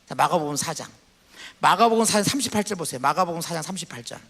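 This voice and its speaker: A man preaching a sermon as pastor, asking the congregation questions and reading scripture aloud slowly. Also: fairly high pitch, expressive, a bit bright, long reverb tail, slight background noise. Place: church sanctuary.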